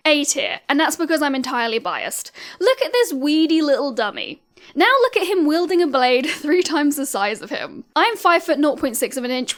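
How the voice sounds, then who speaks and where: A woman's voice: high-pitched, fairly bright tone. A woman hosting a video, giving scripted tier-ranking commentary in a playful, self-mocking, wry way. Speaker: video host.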